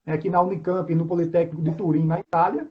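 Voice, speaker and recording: Over a dull, low-fidelity online call with a noisy background, a fortysomething interview guest from João Pessoa in Paraíba, Brazil, casually introduces himself. He has a Northeastern Brazilian accent, a fairly high, steady voice and a quick pace, and tends to tag questions onto the ends of his phrases.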